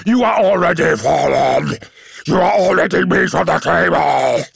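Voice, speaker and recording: A man voicing a defiant male demon who roars and shouts his threats. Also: on the high side, normal speed, creaky, slightly rough, no echo, studio quality, voice pushed up, full character voice. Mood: roaring fury.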